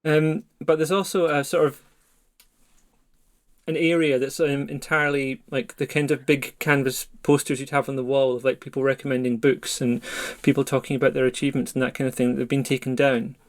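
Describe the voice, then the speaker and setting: A man running a tabletop horror game as storyteller, describing scenes in a relaxed, rambling way. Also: medium pitch, a little fast.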